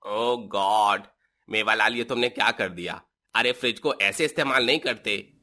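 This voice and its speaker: A man's voice: lowish voice, normal speed, pushed and bright. A man voicing a knowing, amused city cousin in a cartoon story, explaining things a little condescendingly.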